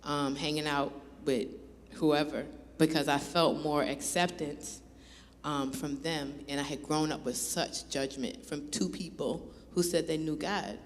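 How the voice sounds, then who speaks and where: A woman's voice: low voice, fairly even intonation, measured pace, slight background noise. Woman, guest worship leader, frank testimony with light humor, reverberant church hall. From Buffalo, New York. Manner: candid, self-deprecating humor. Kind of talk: personal testimony.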